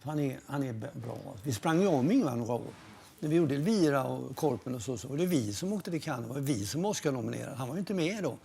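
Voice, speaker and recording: An older man, a film producer, reminiscing in a documentary interview, a lively storyteller who swears freely and acts out what others said. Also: medium pitch, creaky, slightly rough.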